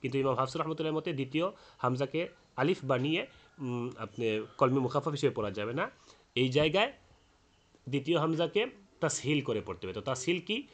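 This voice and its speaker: Chanting example words aloud, a man gives a spoken lesson on Quran recitation rules, explaining slowly with lots of hesitant fillers. His voice is medium-pitched and animated.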